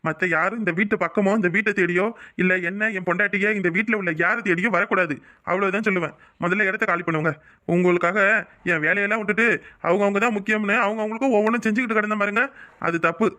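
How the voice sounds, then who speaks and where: Brief: a betrayed cartoon head of the house, Kanyakumari Tamil accent, lecturing and bitter, very high and quick. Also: male voice, fairly even intonation, bright, forceful tone. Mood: stern. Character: angry betrayed elder brother, middle-aged man. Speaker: head of the family. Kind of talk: cartoon voice acting.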